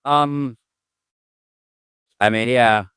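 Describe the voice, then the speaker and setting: A man's voice: mid-range voice, fairly even intonation, extremely slow, fairly bright tone, smooth, no echo, clean studio sound. A man thinking aloud as he works through code, muttering, humming and trailing off as he goes. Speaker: programmer streaming his coding work. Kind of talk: casual think-aloud coding session.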